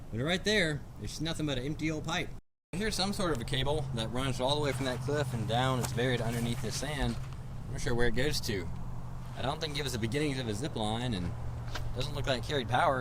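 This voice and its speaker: A man's voice: on the high side, a bit bright. A man narrating a casual exploration vlog outdoors, curious and folksy as he points things out. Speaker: explorer vlogger. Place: outdoors at an open gravel pit pond. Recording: outdoor location audio with clear background noise.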